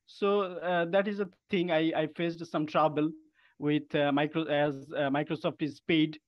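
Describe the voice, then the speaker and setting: A man's voice: a little high, little pitch movement, unhurried. A male student on a conference call gives a hesitant, polite course review full of filler sounds. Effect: conference call audio. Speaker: student in a coding bootcamp. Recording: dull lo-fi call line.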